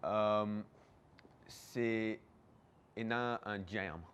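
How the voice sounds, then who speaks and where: A man's voice: fairly low pitch, drawn-out words, a bit bright, slight background noise. A man giving hesitant, explanatory answers in a casual interview. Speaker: museum interviewee.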